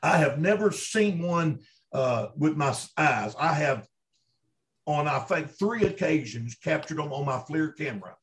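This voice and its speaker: A man's voice: a little high, animated, a little slow. A man with a Kentucky accent telling first-hand stories in a folksy, emphatic, conversational way, repeating himself for emphasis as an interview guest. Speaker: interview guest, Bigfoot researcher.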